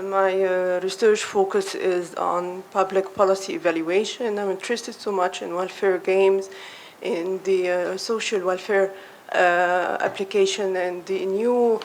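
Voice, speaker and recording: A woman's voice: medium pitch, steady tone, unhurried, vocal fry, slight background noise, poor audio. A woman who is an economics lecturer, introducing her research to a workshop group with many fillers. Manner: filler-heavy self-introduction.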